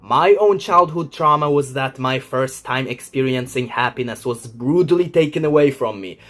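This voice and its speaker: A man's voice: medium pitch, a bit bright. A young man giving a blunt, earnest personal monologue as a vlogger.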